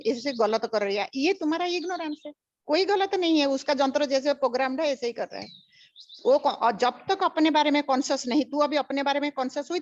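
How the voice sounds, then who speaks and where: A woman's voice: sits high, no room sound. An older woman giving a spiritual teaching, emphatic and repetitive, mixing English phrases into her talk. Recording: dull lo-fi recording.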